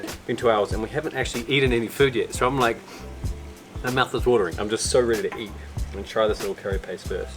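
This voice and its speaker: Young man, lowish voice, casual travel vlog chat, music playing behind. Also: fast talker. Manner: chatty, relaxed, talks while tasting food. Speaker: travel vlogger.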